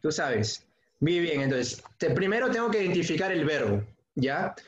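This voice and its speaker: Male schoolteacher on a video call, patient and repetitive, slightly high voice, echoey lo-fi audio. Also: very animated, normal speed, a little hiss or hum. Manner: patient, repeats key points often; asks students questions by name. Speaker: secondary school English teacher. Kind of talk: online class lesson. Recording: dull, echoey room sound.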